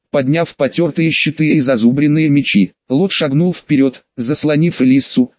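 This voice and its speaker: Guy reading a fantasy audiobook, kinda high voice, dull dry recording. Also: dry recording. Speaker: audiobook narrator. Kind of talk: scripted narration.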